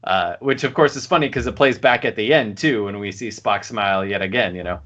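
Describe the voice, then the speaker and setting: On a lo-fi recording, a podcast co-host with a fairly low, slightly bright voice talks a little fast in casual chat. He rambles, full of fillers and restarts.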